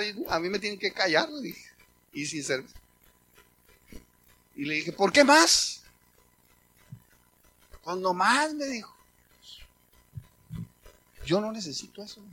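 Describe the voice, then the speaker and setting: High, bright-voiced Mexican preacher man. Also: husky. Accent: Mexican Spanish. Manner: conversational storytelling, animated quoting. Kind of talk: sermon testimony.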